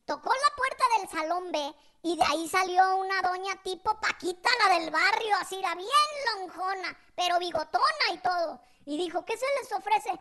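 A woman's voice: extremely high pitch, lively intonation, moderate pace, hardly any pauses, bright, forceful tone. A woman hosting a podcast, telling a family story in a chatty, slangy way and often turning to the listener with tag questions. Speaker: podcast host. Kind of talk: casual storytelling.

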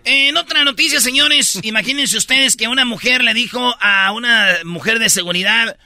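A man's voice: extremely high pitch, normal speed, over loud music. A Mexican man hosting a radio show, telling a news story with slangy, jokey commentary. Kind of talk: casual comedic commentary.

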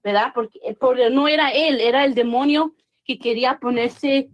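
Woman, higher pitch, dry recording, chatty storytelling, many restarts. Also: steady tone, normal speed, no echo, lo-fi sound. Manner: mixes English words into Spanish, many restarts. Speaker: guest. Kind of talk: casual storytelling interview.

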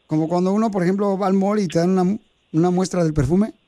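A radio host with an unusually high-pitched voice, teasing and joking on air. He talks in an animated, playful way. He is close on a studio microphone. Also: quick pace. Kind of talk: playful radio prank banter.

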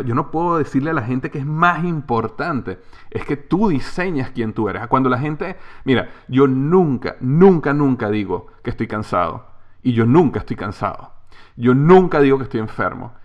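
A middle-aged man speaks in a podcast interview. He talks emphatically, driving points home by repeating himself. His voice sits at an ordinary middle pitch. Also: expressive, moderate pace, dull audio. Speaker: author and company CEO.

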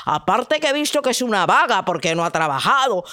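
A woman voicing a rude prince who scolds and dismisses a maiden in a comic retelling, talking fast and loud. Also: medium pitch, sing-song, no room sound, clean studio sound. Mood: scornful.

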